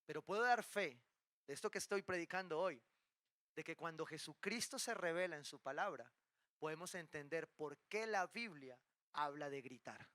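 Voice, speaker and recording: A male pastor preaching a sermon in a lively way, often checking in with the congregation through quick rhetorical questions and playful asides. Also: a little high, dry recording, studio quality. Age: adult, married with children.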